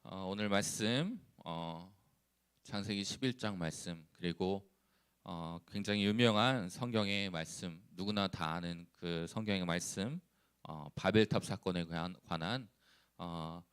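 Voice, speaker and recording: Male evangelist, low clear voice, calm unhurried reading and preaching, some hesitation. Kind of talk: responsive scripture reading and sermon.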